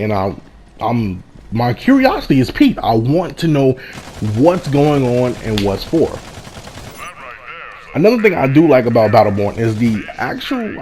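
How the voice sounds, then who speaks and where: A man's voice: medium pitch, darkish tone. A man giving a casual first-impressions game review, repeating and rephrasing himself for emphasis. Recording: background noise behind the voice.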